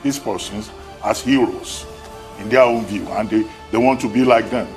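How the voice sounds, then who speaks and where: A man's voice: fairly low pitch, fairly even intonation, normal speed, soft background music. A male TV news anchor politely cutting in to steer the interview.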